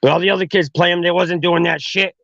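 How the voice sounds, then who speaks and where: Gravelly, profane male podcast storyteller. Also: sits high, steady tone, fast, a bit bright, no echo, highs cut off. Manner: profane, slangy. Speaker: podcast host. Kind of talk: crude horror storytelling.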